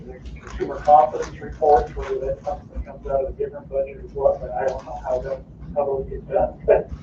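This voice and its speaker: A man's voice: medium pitch, warm tone, distant mic, a little hiss or hum. Man coming through a speakerphone. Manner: hesitant, hedging, many fillers. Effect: voice heard through a speakerphone. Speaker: water plant staff presenting a budget. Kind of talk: casual meeting report. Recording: muffled speakerphone in an echoey room, heard from afar.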